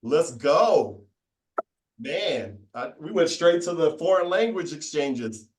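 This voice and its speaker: A man's voice: fairly high pitch, expressive, slow pace, recorded from a distance, slight background noise. Upbeat man hosting a video call. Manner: upbeat, laughs often, loose and joking. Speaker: meeting host. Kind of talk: casual video call chat.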